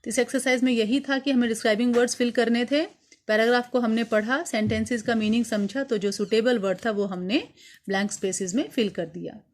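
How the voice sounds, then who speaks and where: A woman's voice: on the high side, steady tone. A woman from India with an Indian English accent, teaching an English textbook lesson and explaining it in Hindi. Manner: reads English lines slowly, then explains in Hindi.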